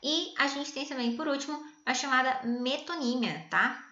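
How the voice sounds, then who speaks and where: A woman's voice: high-pitched, moderate pace, bright, forceful tone, slight background noise. A woman teacher explaining grammar in a chatty, playful way, often checking in with her listeners. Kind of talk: grammar lesson. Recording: echoey room, dull lo-fi sound.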